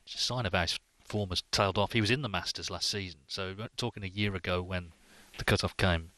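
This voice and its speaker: A man's voice: deep voice, fairly even intonation, quick pace, pushed and bright. A man giving analytical sports commentary as a snooker commentator.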